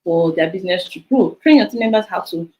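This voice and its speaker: A Nigerian woman in her thirties, a business coach talking to her sales team over her phone, animated and repeating her key points. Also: lowish voice, quick pace, low-quality recording.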